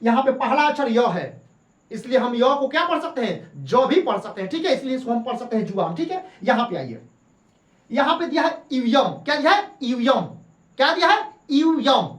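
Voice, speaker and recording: A woman teacher with a high-pitched voice and big pitch swings gives a classroom-style lesson at normal speed in an echoey room. She repeats each point and poses questions that she then answers herself.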